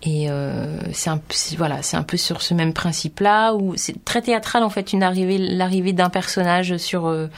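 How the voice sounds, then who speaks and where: Woman on a radio show chatting about kids books, soft lowish voice, lots of ums, gentle. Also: moderate pace, gravelly, hardly any pauses. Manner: gentle, hesitant, many fillers. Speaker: children's book reviewer on radio. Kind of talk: radio chat and storybook reading. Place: radio studio.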